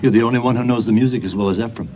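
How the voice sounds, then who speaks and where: A man's voice: mid-range voice, fairly even intonation, rapid-fire, lightly acted. An actor playing an earnest, persuasive man from a church choir in a 1980 television film. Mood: earnest, regretful. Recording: dull old film audio, background hum.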